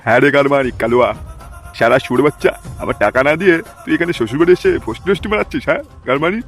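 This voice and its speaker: A man's voice: medium pitch, lively intonation, rapid-fire, faint music behind, close to an everyday voice. A man voicing a bossy, foul-mouthed thug moneylender in a cartoon. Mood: menacing. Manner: swearing, bossy. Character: thuggish male moneylender boss, rough and threatening.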